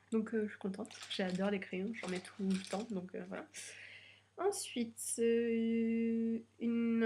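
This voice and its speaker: Unboxing beauty products in a casual chat, a young woman makes her nervous first video as a beauty vlogger, speaking hesitantly with many fillers. Her nose is slightly stuffy from a cold, and her voice is a little high with a darkish tone.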